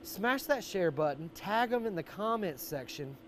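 Middle-aged American man, jolly grill-dad cooking host, high-pitched voice, outdoors with some background noise. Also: sing-song, normal speed, fairly bright tone. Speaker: host, barbecue cook. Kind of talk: live cooking show presentation. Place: outdoor wooden deck.

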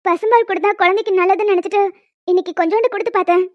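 A woman voicing a young wife and other women of a family in an animated story, with quick, expressive delivery. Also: extremely high pitch, no room sound. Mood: emotional chat. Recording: dry, dull lo-fi home mic.

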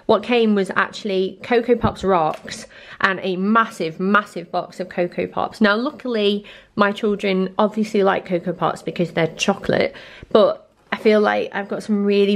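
Chatty young woman with a gravelly edge. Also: mid-range voice. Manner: bubbly, rambling, laughs at herself. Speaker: vlogger. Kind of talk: chatty grocery haul narration. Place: home kitchen.

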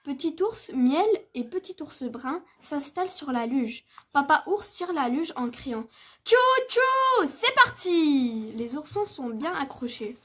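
A woman reading a picture book aloud for children, clear and expressive, as the storyteller. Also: sits high, unhurried, hardly any pauses.

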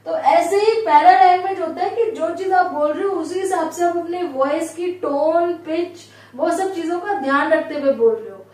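High-voiced woman lecturing in an echoey room. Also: normal speed, few pauses, darkish tone, far from the mic. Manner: explanatory, mixes English terms, frequent "ठीक है" check-ins. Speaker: psychology lecturer. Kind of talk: recorded classroom lesson.

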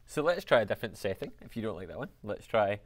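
A man teaching a music technology lesson, explaining software steps in an upbeat, chatty way. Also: lowish voice, very animated, fast.

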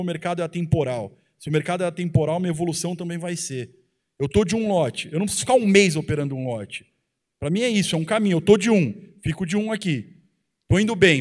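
A blunt, colloquial man in his thirties pushes a conference crowd hard, his voice sitting fairly high. He holds a handheld mic close as he talks from the stage of a large hall. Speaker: trader and co-presenter. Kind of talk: motivational talk on stage.

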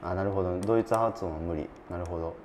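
A man hosting a casual game stream, animated and laughing often, reading out viewer comments. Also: sits low, quick pace, slight background noise. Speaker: stream host.

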